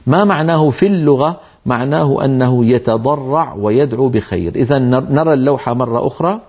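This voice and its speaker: A man teaching a religious lesson from slides, going through each word patiently and repeating definitions. His voice is dark and mellow at a middle pitch. The recording sounds dull and lo-fi. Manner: explains slowly, repeats and defines terms.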